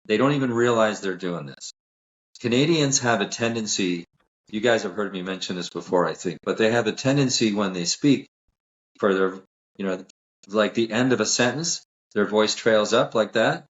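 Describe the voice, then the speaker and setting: A man's voice: on the low side, moderate pace, roomy sound, highs cut off. A man who works as a sales coach, speaking as a guest on a podcast interview in an emphatic, self-assured, lecturing way.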